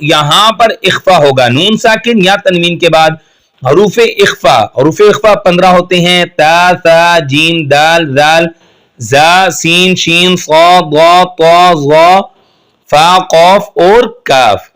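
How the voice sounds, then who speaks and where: A man teaching Quran recitation in Urdu, who patiently explains the rules step by step and then chants the verses slowly and melodically. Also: on the high side, fairly bright tone. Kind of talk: slow step-by-step tajweed lesson.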